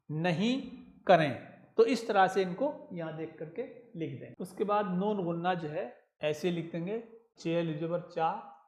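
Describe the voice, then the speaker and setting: A man's voice: high-pitched, echoey room. A man teaching Urdu script, patiently spelling words out letter by letter. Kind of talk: slow spelling lesson.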